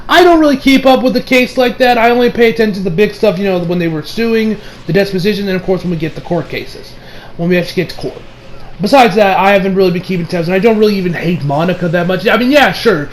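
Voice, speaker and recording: A man's voice: high voice, slight background noise, low-quality recording. A young man giving casual, rambling commentary, full of fillers and casual swearing. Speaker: online commentator.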